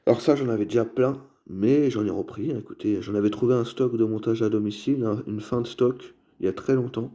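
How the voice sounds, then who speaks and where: Chatty man with a dark, dull-sounding voice. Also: medium pitch, fairly quick, hardly any pauses. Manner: chatty, filler-heavy, addresses viewers as "les gars". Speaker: toy car collector showing flea-market finds. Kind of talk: casual show-and-tell vlog.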